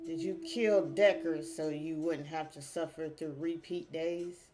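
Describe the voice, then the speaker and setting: A woman's voice: low voice, fairly even intonation, measured pace. A woman streaming a mystery game, chatting casually with her viewers while she questions the characters. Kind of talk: casual live-stream chat. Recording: clear game music behind.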